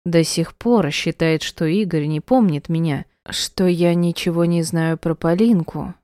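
Slow, low-voiced woman narrating a story. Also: warm tone, no echo, clean studio sound. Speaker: audiobook narrator. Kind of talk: first-person audiobook narration.

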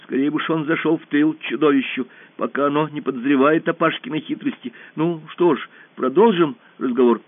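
A man voicing a brave, earnest young girl who calls out in a high, eager, insistent voice, heard over a narrow phone-like band. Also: steady tone, brisk, hardly any pauses, natural voice. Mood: thoughtful.

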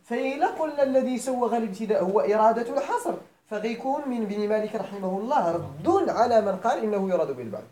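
Moroccan man teaching grammar, lively pitch. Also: fast talker, hardly any pauses. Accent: Moroccan Arabic. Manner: explains step by step, repeats phrases, checks students' understanding; switches between formal Arabic and Moroccan dialect. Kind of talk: classroom lesson on grammar. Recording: echoey room.

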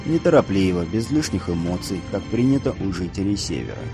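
A man narrating an audiobook in a steady, even storytelling manner. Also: sits low, a little fast, over music.

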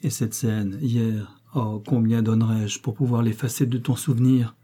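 A man's voice: medium pitch, fairly even intonation, normal speed, mellow, breathy edge, natural voice. A man reading aloud as a passionate young prince, a husband pleading tenderly with his wife in a storybook. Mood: fervent. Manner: fervent, pleading.

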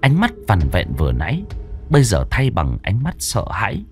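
A man narrating a village horror story in a dramatic reading style, slowing down for suspense. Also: lowish voice, wildly swooping pitch, darkish tone, faint music behind. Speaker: audiobook narrator.

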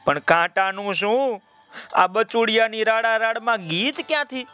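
A man's voice: high voice, normal speed, pushed and bright, soft background music. A man voicing a caring mother ant who frets over her little one. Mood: fretful.

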